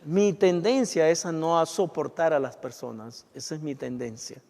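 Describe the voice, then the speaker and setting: A man preaching in a church, talking to the congregation in a conversational way and mixing in rhetorical questions and personal confessions. His voice sits fairly high for a man, and a long reverb from the hall trails after his words. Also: normal speed, darkish tone. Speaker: pastor. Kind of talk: sermon. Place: church sanctuary.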